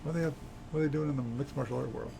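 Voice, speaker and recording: A man's voice: mid-range voice, rapid-fire, vocal fry, background noise. A man co-hosting a sports talk show, chatty and teasing, full of fillers. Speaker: sports radio co-host.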